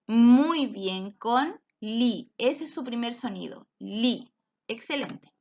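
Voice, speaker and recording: A woman's voice: fairly high pitch, lively intonation, gravelly, a little mellow, slight background noise. A woman teaching a children's phonics lesson, drawing out each word and praising often. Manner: slow, drawn-out words for children, encouraging praise. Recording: dull lo-fi sound.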